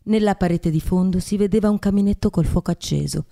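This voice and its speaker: A woman podcast host reading a classic tale aloud in a measured, expressive way. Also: lowish voice, vocal fry.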